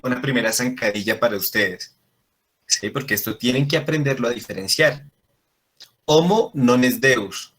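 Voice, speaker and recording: A man's voice: medium pitch, a bit bright. A man teaching a Latin class, explaining patiently and checking in with frequent questions to his students. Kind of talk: classroom lesson.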